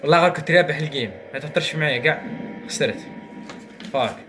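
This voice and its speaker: Fast-talking Algerian gamer, noisy mic. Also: male voice, fairly high pitch. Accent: Algerian Arabic. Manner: excitable, muttering to himself, swings from grumbling to shouting. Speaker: gaming streamer. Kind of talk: gameplay commentary.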